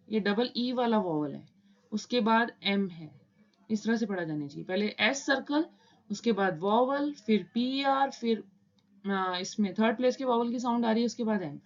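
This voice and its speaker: A woman with a slightly high voice teaches a shorthand lesson step by step while writing, patiently repeating every point. She mixes English terms into her Hindi explanation, and the recording has its highs cut off.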